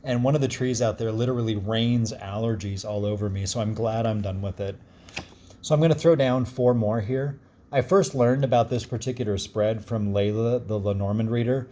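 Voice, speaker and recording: A man with a gruff voice explaining a card reading in a casual, reassuring and encouraging way. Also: lowish voice, steady tone, moderate pace, mellow, a little hiss or hum. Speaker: card reader.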